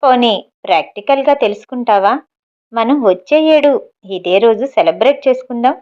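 A playful young man teases his sweetheart down the phone in this audiobook novel, as a woman reads him in her own fairly high voice. His talk is affectionate and mischievous. The audio sounds dull and lo-fi. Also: normal speed, natural voice. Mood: teasing. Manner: teasing and affectionate.

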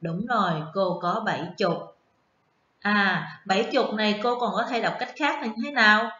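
Her mid-range, sharp voice carries through a reverberant, lo-fi recording as she counts aloud slowly for first graders in an online math class. This primary school teacher keeps prompting the children to repeat after her.

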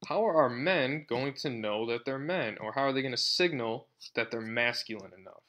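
His mid-range voice has a fairly bright tone and moves at a moderate pace. Lecturing at a university, the man talks conversationally with a sarcastic edge, regularly asking "right?"

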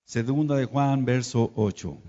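A man with a Mexican Spanish accent preaching a sermon, firing rhetorical questions and swinging between quiet and loud. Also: mid-range voice, unhurried. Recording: dull lo-fi sound with long hall reverb.

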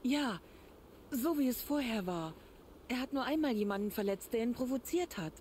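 Game role: a woman as a protective sister, soft and earnest, light background noise. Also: a little high, lively intonation, moderate pace, lightly acted. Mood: gentle.

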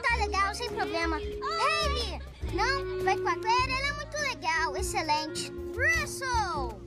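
An actor voicing a chatty, cheerful small cartoon monster in a dubbed animated film. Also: male voice, very high-pitched, measured pace, loud music behind the voice, exaggerated voice.

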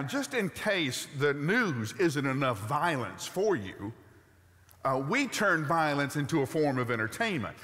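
A man in his sixties preaching a sermon from a church stage, animated and emphatic, with rhetorical questions and a Southern US accent. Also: on the high side. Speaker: pastor. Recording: long reverb of a large sanctuary.

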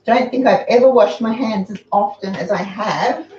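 An older Australian woman hosts a frugal cooking channel, chatting through a home-kitchen cooking demo and handing out practical money-saving tips. Her medium-pitched voice is dark and moves at normal speed; the fixed camera across the counter gives roomy, dull lo-fi audio with a little hiss or hum.

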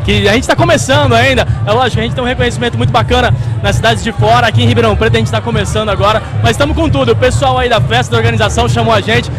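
A man's voice: very high voice, steady tone. A young man, a DJ, joking through a casual interview at a club party on a handheld mic. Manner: loose, joking, fast slangy talk. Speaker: DJ and percussionist. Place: outdoor area of a nightclub event. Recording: loud club music and crowd behind.

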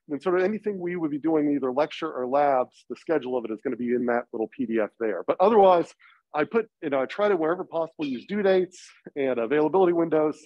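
Male university lecturer, higher-pitched, speaking through a face mask with a cold; informal, halting delivery, slightly muffled sound. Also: no room sound. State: getting over a cold. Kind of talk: informal lecture introducing a course. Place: lecture classroom. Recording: slightly dull, muffled classroom recording.

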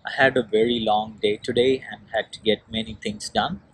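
A man chatting casually to his phone camera for a vlog, relaxed and full of ums, with a small laugh now and then. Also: fairly low pitch, normal speed. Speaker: vlogger. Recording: noisy street phone recording.

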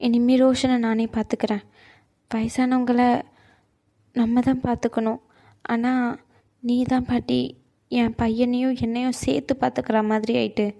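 A young cartoon mother, played by a woman, who is tense and defensive. Her voice sits a little high, and her words come irritated or apologetic. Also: level tone, normal speed, long pauses, mellow, close to an everyday voice. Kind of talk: cartoon voice acting.

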